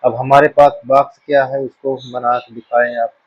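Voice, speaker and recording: A man's voice: mid-range voice, level tone, normal speed. A man teaching a school maths lesson, patiently working through counting problems and often checking that students follow. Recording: dull dry lo-fi room sound.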